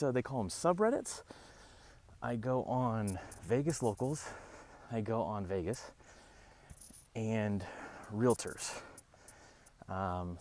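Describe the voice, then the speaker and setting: A man talks straight to camera in a casual rant, wry and sarcastic. His pitch swings widely up and down as he tells the story. He sounds a little out of breath, as if walking uphill outdoors. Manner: animated, wry, sarcastic asides. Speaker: realtor vlogger.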